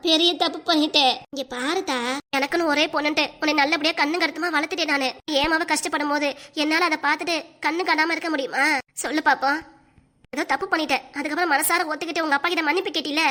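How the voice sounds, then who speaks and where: Woman voicing a sharp-tongued village mother. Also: sits high. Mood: comforting. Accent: Kanyakumari Tamil. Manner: scolding, rapid village talk.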